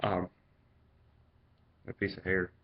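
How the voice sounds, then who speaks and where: Low-voiced man, casual reviewer. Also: completely flat delivery, slow pace, vocal fry. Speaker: product reviewer. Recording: dull, lo-fi sound.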